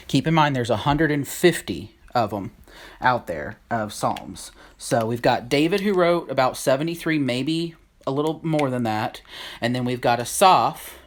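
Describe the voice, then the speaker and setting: Writing on a board, this Bible study video host teaches informally at a medium pitch. The delivery is halting, with uncertainty over names and plenty of thinking aloud.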